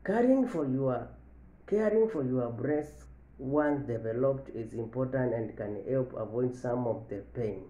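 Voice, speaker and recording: A man in his thirties giving a health lesson to camera from an office, slowly repeating each point and stressing the key lines. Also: mid-range voice, animated, warm tone. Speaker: medical educator. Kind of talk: health education talk to camera. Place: office with large window, indoors. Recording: echoey room.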